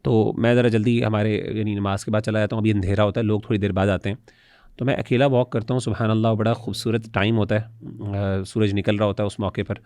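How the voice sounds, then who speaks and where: A man's voice: fairly low pitch, little pitch movement, fast, darkish tone, clean tone, dry recording. A man in a casual podcast discussion, talking earnestly and with animation, often using devout religious phrases.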